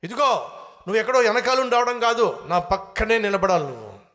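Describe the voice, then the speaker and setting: A man voicing a boastful, cunning fox in a sermon story, with a shrill, high-pitched manner. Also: animated, moderate pace, a bit bright, big-room sound. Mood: commanding.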